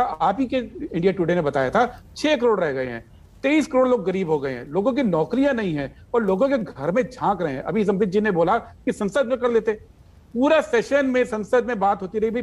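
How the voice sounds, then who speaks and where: Insistent man debate guest, high voice. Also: animated, brisk. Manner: insistent, argumentative, citing figures. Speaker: party spokesperson debate guest. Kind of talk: heated TV debate.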